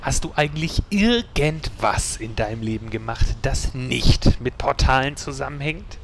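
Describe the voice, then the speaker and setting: Fantasy comedy adventurer: male actor, dry and fed up, animated intonation, clear background noise. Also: medium pitch, measured pace. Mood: exasperated. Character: exasperated, sarcastic male adventurer. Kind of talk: scripted fantasy comedy dub.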